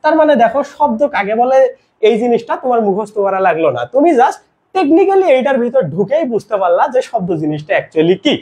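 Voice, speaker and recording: Lively teacher quizzing students. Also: mid-range voice, brisk. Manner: asks quiz questions and answers them; casual, mixes in English words. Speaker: grammar teacher. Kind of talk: live online class lecture.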